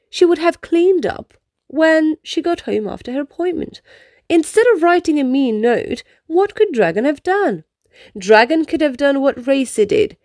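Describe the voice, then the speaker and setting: A woman with a high yet darkish-toned voice reads a children's storybook aloud, expressive in her telling and explaining the lessons to young listeners. It's recorded at studio quality with no room sound.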